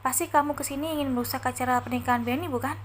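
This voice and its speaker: A woman's voice: high-pitched, steady tone, racing, slight background noise, lightly acted. A woman voicing an accusing, scolding older mother-in-law.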